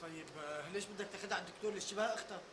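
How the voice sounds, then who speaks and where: An actor playing a level-headed young man trying to calm his brother. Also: high-pitched, racing, echoey room, background noise, close to an everyday voice. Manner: calming, questioning.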